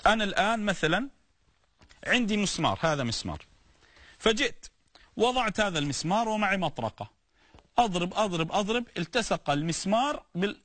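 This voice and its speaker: Male preacher, lively high voice, bright tone, dry close sound. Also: no echo. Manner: animated, explains word meanings with everyday examples and repeated calls to listen. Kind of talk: sermon on stories of the prophets.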